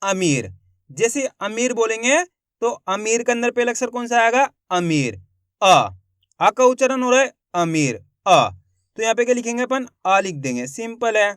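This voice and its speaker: A man teaching Hindi reading in a slow spelling lesson, breaking words into syllables and blending them, quizzing the viewer and then answering himself. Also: very high voice, big pitch swings, fairly bright tone, clear, resonant tone, no echo, studio quality.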